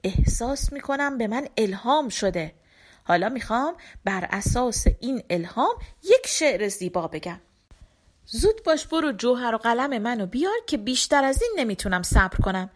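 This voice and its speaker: An excitable, self-pleased old folk-tale sage who bosses and boasts with bouncing eagerness, as a woman storyteller puts him on. The voice sits high and swoops around lively. It sounds like a storybook reading. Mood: excited, boastful. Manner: eager, bossy, pleased with himself. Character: Mulla Nasreddin, excitable self-satisfied old village wit.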